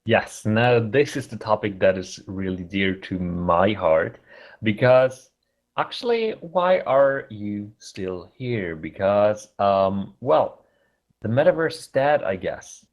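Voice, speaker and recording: A man with a German accent presents at an online conference. His voice sits fairly low. He talks in a loose, chatty way and often stops to restart a word or add a filler. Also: animated, takes it slowly. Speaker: conference speaker.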